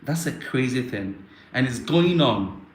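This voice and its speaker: A man from Africa hosting a casual live Q&A, answering viewer questions in a halting way with frequent fillers and repetitions. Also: medium pitch, animated. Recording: roomy echo, faint background noise.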